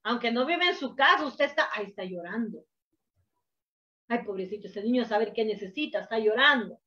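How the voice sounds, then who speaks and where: A woman preacher delivering a sermon, emphatic, swinging from hushed to loud, on a dull lo-fi recording. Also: on the high side, expressive, a little fast.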